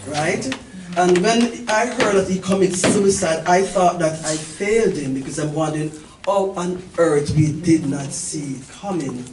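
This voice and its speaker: An unhurried middle-aged woman with a fairly low-pitched voice narrates a story to the gathering she organized and hosts. Her telling is casual yet emphatic, with repeated phrases and frequent check-ins with listeners. Sound comes through a distant mic, echoey and full of live-gathering noise.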